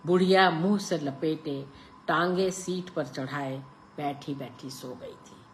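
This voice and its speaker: A woman storyteller narrates in a hushed, deliberate delivery. Her voice sits low and moves slowly, with a faint background noise.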